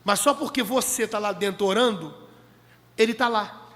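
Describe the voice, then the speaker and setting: A man's voice: high-pitched, normal speed, a bit bright. A man preaching a sermon in a church meeting hall, emphatic and repeating key phrases to the congregation. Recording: long echoey hall reverb.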